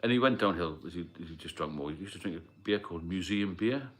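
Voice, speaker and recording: A man's voice: deep voice, fast. A man hosting a casual livestream, plain-spoken and rambling, answering viewer comments as he goes. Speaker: livestream host. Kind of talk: casual live-stream chat.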